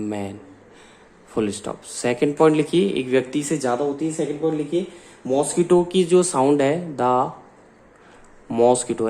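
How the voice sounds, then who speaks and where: Indian guy teaching science, reads out notes super slow, spells every word. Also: medium pitch, a little mellow. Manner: slow dictation, spells out words letter by letter, mixes Hindi and English. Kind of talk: dictating class notes.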